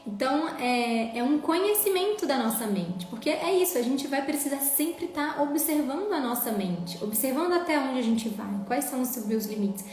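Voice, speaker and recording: A woman's voice: sits high, lively intonation, moderate pace, hardly any pauses, a little mellow. A woman teaching a live online parenting class in an earnest, emphatic way, often checking in with her listeners. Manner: earnest, emphatic, tags lines with "né?". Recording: very echoey room, faint music.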